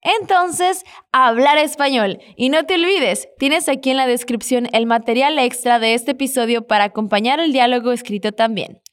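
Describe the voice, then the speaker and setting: A woman's voice: sits high, moderate pace, few pauses. Patient woman teaching Spanish. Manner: clear, patient and encouraging. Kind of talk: language lesson with repetition drills.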